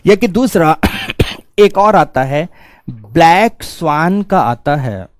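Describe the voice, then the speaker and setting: A man's voice: on the high side, lively intonation, takes it slowly, no room sound, faint music behind. A male teacher giving a stern exam-prep lecture, scolding students and repeating key points for emphasis.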